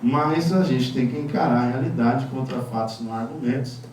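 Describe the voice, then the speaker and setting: Male Brazilian pastor, mellow voice, wry conversational preaching, distant mic in a reverberant church. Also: mid-range voice, normal speed, a little hiss or hum. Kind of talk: sermon. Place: church sanctuary. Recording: echoey church hall from far off.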